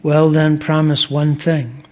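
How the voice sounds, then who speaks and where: A man reading as a gentle, firm spiritual master. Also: on the high side, flat delivery, slow. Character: kindly revered old male spiritual master.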